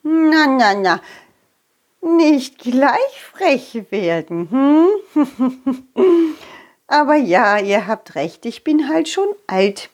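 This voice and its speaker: Woman doing a gentle, forgetful old fairy. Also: high voice, big pitch swings, extremely slow, long pauses, muffled recording, heavily acted. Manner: gentle, soothing, motherly.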